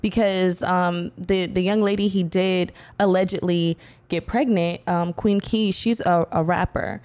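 A woman's voice: fairly low pitch, unhurried. Chatty young woman with a slight lisp. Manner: chatty, animated, uses slang. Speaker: podcast co-host. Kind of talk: casual chat.

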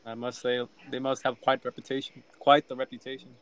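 A man's voice: mid-range voice, little pitch movement, brisk, fairly bright tone, poor audio. A man in casual chat who tosses in short, joking remarks.

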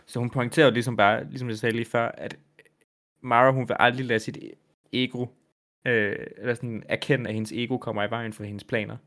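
A male podcast co-host talks casually at a middle pitch. He reads story passages aloud in a steady voice, then breaks into loose chat with fillers and the occasional swear word. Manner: reads quotes flatly, chats with fillers and swearing. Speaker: podcast co-host reading game lore aloud. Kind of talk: casual chat and lore reading.

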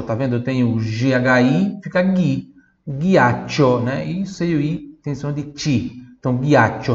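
Brazilian man slowly drilling Italian words. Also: medium pitch, reverberant, dull audio. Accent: Brazilian Portuguese. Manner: slow syllable-by-syllable drilling, spelling words letter by letter. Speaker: Italian teacher. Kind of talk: online language lesson.

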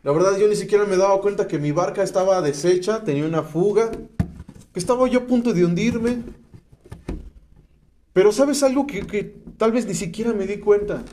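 A man's voice: high voice, normal speed, mellow, slight background noise. A man with a Mexican accent giving a slangy, emphatic testimony sermon to people in rehab, reading and explaining scripture. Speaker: speaker at a rehab center. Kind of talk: preaching testimony to addicts.

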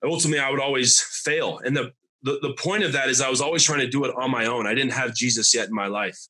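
This Arizona man in his thirties tells his recovery story on a podcast in a medium-pitched voice with a sharp tone and a breathy edge. His speech is halting, full of repetitions and restarts, and the audio is poor.

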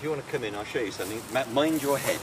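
A man's voice: medium pitch, lively intonation, rapid-fire, a crowd in the background. A man guiding a visitor through a stone tunnel in a matter-of-fact way, his voice echoing like in a cave. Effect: cave echo, voice reverberating off stone walls. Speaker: local history enthusiast guide. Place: inside a stone tunnel under an aqueduct.

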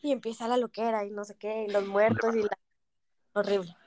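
A woman co-hosting a podcast casually tells family stories in a mid-range voice, talking a little fast over some background noise. She's animated and acts out the voices of the people she quotes.

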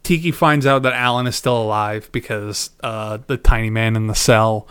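A man's voice: fairly low pitch, steady tone, moderate pace, fairly bright tone, smooth. A man co-hosting a podcast, chatting casually and laughing often. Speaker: podcast co-host. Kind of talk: casual chat about an anime.

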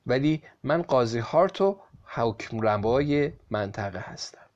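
A crooked, greedy judge who grovels before his master and barks at common folk, as a storyteller voices him. His voice sits at a middling pitch. The sound is slightly muffled and lo-fi. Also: lively intonation, darkish tone, close to an everyday voice. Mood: fawning. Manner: servile to the devil, bossy to others. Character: greedy, fawning male judge.

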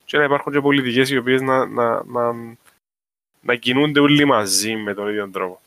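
A man from Cyprus with a Cypriot Greek accent talks casually about social issues in an informal discussion, explaining his points with examples. His voice is medium in pitch with a fairly bright tone.

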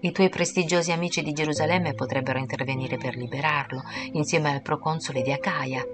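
A tender young woman, sorrowful and pleading, as a woman narrator reads her. The voice is low and soft, heartfelt in every phrase. Music plays clearly behind the reading. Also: fairly even intonation, fairly quick, natural voice. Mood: sad pleading.

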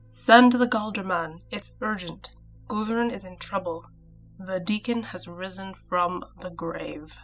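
A woman's voice: medium pitch, a little slow, faint music behind, close to an everyday voice, rough recording. A woman voicing a terrified male farmer delivering an urgent message in an audio storybook. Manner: breathless, urgent.

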